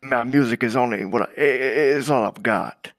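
A man's voice: mid-range voice, moderate pace, a bit bright, no room sound, studio quality, natural voice. A man playing an intense, menacing, aggrieved music boss in an improvised crime game role-play, brooding and repeating himself for effect. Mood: brooding menace.

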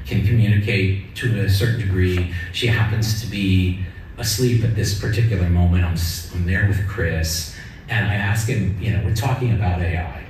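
A man's voice: lowish voice, a little mellow. Middle-aged male keynote speaker, personal and earnest, distant echoey hall recording with faint noise. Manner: personal, earnest, tag questions "right?". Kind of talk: conference keynote talk. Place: large conference hall, at a lectern. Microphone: lectern mic, recorded from the audience.

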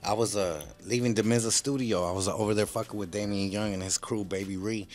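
A man's voice: fairly low pitch, fairly even intonation, quick pace. A man, hosting a podcast and telling a long story in casual, slangy chat, swearing freely and acting out the voices of the people in it. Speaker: podcast host.

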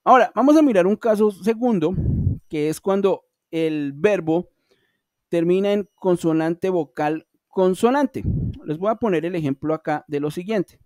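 A man with Spanish as his first language, teaching English in an online class. He walks through each rule patiently, speaking directly to his students. His voice sits a little high, and the sound is close and dry with no room around it. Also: moderate pace, darkish tone, dry recording.

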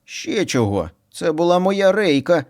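A man's voice: sits high, very animated, a little slow, a little mellow, voice pushed up, heavily acted. A man voicing two squabbling little boy bunny brothers in a storybook reading, whiny and bickering.

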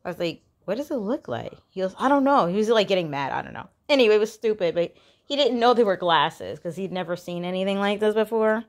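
Chatty woman gushing over a shopping haul. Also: mid-range voice. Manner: chatty and gushing, frequent giggles. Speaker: vlogger. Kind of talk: casual shopping haul chat. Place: home, indoors.

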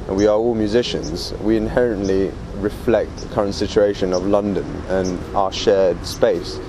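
A young man from China speaks in a measured, reflective way. His voice sits low, with a mellow, dark tone. He was recorded outdoors by a lake. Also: slight background noise. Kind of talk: casual interview.

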